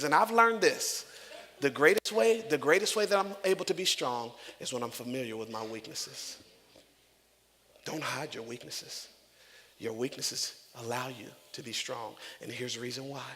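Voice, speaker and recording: A man pastor preaching a sermon with dynamic delivery, dropping to hushed asides and building to loud climaxes. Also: mid-range voice, a little hiss or hum. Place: church sanctuary. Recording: long reverb of a church hall.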